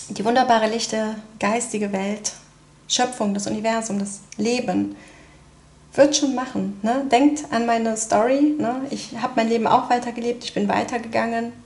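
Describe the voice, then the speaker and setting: A woman's voice: a little high, steady tone, unhurried, darkish tone, roomy sound. A woman giving a casual tarot card reading, talking chattily with many tag questions and fillers. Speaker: tarot reader.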